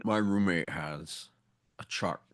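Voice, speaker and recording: A man's voice: deep voice, takes it slowly, fairly bright tone, dry recording, clean studio sound. A man co-hosting a video call who speaks in a casual, laid-back way with short replies. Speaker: co-host. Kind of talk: casual chat.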